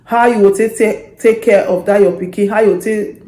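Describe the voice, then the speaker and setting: A woman with a Nigerian accent speaking Pidgin as a host, giving casual, animated advice to her audience. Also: medium pitch, normal speed. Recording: echoey, roomy sound.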